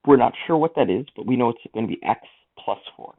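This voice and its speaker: This screen-recorded math walkthrough features a man with a medium-pitched, animated voice who talks fast. He explains every step of the working out loud, and the mic sounds tinny and lo-fi.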